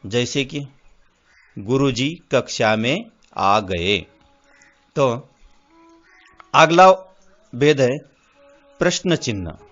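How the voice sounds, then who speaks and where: A man gives a classroom-style grammar lesson at a very slow, deliberate pace, stepping through definitions and numbered points one at a time. His voice sits at an ordinary middle pitch. The recording is dull and lo-fi, with soft instrumental music playing faintly behind him. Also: lively intonation. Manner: slow and deliberate, spelling out lists item by item. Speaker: teacher.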